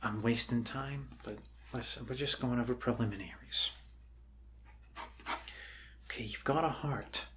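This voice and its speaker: In this improvised ASMR piece, the performer plays an awkward, unconventional doctor softly reassuring an alien he's welcoming, rambling with hesitation and apology. He speaks in a mid-range voice at a measured pace, pausing often, against clear background noise.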